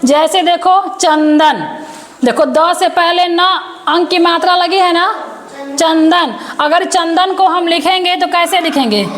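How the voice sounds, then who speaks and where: A woman's voice: very high-pitched, measured pace. A woman teaching a grammar lesson to children, patiently repeating words and asking them questions.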